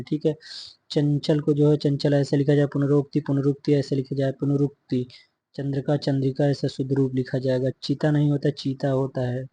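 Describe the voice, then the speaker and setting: A man's voice: medium pitch, warm tone, husky. A man teaching a methodical exam-prep spelling lesson, repeating each word and checking in often. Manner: repetitive, methodical dictation with frequent "theek hai" check-ins.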